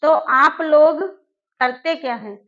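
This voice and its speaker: A woman teaching an exam-prep spelling lesson, who asks her class questions and then answers them herself, repeating each word slowly. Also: high voice, fairly bright tone, muffled recording. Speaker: Hindi teacher.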